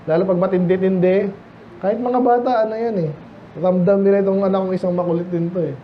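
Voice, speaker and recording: A man with a fairly high voice preaches a midweek Bible study, chatting with the congregation and throwing out rhetorical questions. He slows into solemn, deliberate readings of scripture. The recording is muffled and lo-fi, with a faint hiss underneath. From Philippines. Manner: conversational, mixes in slow solemn scripture readings.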